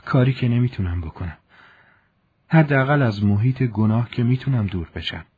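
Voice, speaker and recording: A man's voice: medium pitch, animated, breathy edge, phone-quality sound. A man voicing a young village conscript who speaks earnestly and firmly. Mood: resolute. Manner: earnest, resolute. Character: young village soldier, firm and principled.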